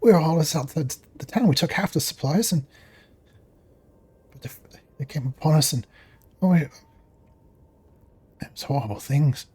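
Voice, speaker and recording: A man's voice: a little high, lively intonation, moderate pace, long pauses, darkish tone, breathy edge, pitched above the performer's own voice. A man voicing a frightened male half-orc survivor who stammers urgently. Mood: distraught.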